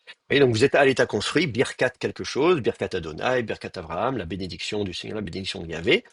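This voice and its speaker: A man's voice: fairly low pitch, animated, fast, breathy edge, no room sound, studio quality. A man teaching a live grammar lecture, thinking aloud with many fillers and restarts and speaking straight to his students. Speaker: Hebrew teacher.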